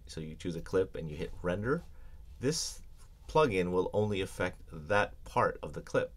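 A man's voice: deep voice, husky. A man teaching audio editing in a screencast tutorial, explaining in a casual way with many ums and restarts. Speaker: audio production instructor.

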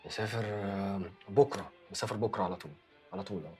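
An actor with an Egyptian accent playing an evasive young man who makes smooth excuses to his girlfriend. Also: lowish voice, fairly even intonation, soft background music, close to an everyday voice. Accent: Egyptian Arabic. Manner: smooth, fast excuse-making. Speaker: actor in a TV drama series. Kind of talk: TV drama acting.

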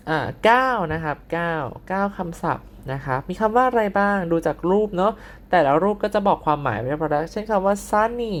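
A man teaching a recorded primary school English vocabulary lesson, saying each word twice and slowly giving its meaning, sometimes spelling words out letter by letter. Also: high-pitched. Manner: patient, slow, repeats each word and its meaning.

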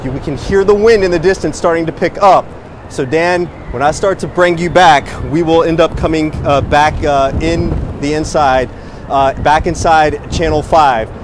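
High-voiced man reporting outdoors through noise. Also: moderate pace. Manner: urgent. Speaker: TV meteorologist reporting live. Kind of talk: live storm field reporting. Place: outdoors, station back parking lot. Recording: noisy outdoor live field audio.

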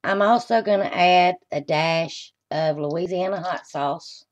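This woman hosts a home cooking show, speaking slowly in a lowish voice as she cooks at the stove and explains each step in a plain, folksy manner. Kitchen noise fills the dull, lo-fi camera audio.

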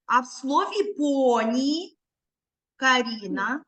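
A woman teacher leads small children through an online lesson. She talks slowly and patiently with a lively, rising and falling pitch. Her voice sits a little high and comes through a video call. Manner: slow, patient, coaxing tone with children.

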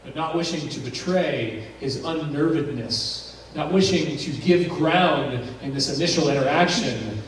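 A male pastor telling a story in a sermon, dramatic and suspenseful, with pauses that build tension. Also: on the high side, a little hiss or hum. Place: church sanctuary. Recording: very echoey church recorded from a distance.

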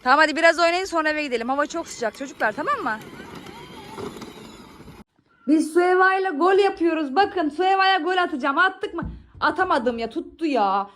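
A woman, a mother, chatting with her small children in a casual family vlog, coaxing and gently scolding them. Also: extremely high pitch, lively intonation, fairly quick, slight background noise. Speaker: mother filming her kids.

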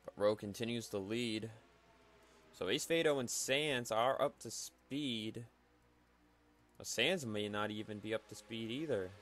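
A man giving calm, analytical play-by-play commentary for a simulated stock car race, with faint noise behind him. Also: lowish voice, unhurried. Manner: calm, analytical play-by-play that rises sharply at wrecks. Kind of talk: solo sim racing commentary.

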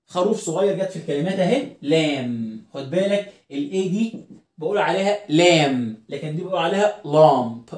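A phonics teacher with an Egyptian accent speaks in a slightly high voice. He says each practice word several times and asks questions to check understanding. The room gives his voice a clear echo. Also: racing, darkish tone. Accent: Egyptian Arabic. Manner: drills words by repetition, asks the listener questions. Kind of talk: online phonics lesson.

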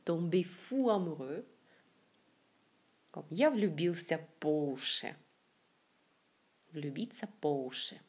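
A woman from Siberia with a Russian accent gives a careful language lesson, saying each example phrase slowly and repeating it clearly. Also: deep voice, darkish tone. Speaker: language teacher.

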